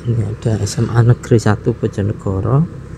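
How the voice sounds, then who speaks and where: A lowish, gravelly male voice with a steady tone comes from a motovlog host narrating casually as he rides through city traffic. Unhurried, he chuckles and muses aloud about where to go next, while traffic and engine noise play in the background.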